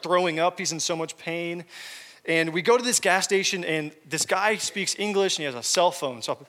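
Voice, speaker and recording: Bright-voiced preacher in a reverberant hall. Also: male voice, high-pitched. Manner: conversational, joking asides to the congregation. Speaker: pastor. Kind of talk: sermon with personal storytelling. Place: church hall with congregation.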